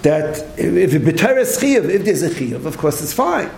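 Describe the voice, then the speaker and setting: Rabbi teaching a late-night Talmud class: higher gravelly voice, animated rhetorical questions, echoey room. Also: male voice, moderate pace, slight background noise. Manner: animated, rhetorical questions, frequent restarts, Hebrew terms.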